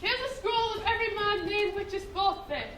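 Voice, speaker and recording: A woman playing a fussy, flustered director of amateur actors on stage, bossy and excitable. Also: very high voice, brisk. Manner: bossy, excitable, laughs between lines. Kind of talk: stage play performance. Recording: echoey hall with background noise.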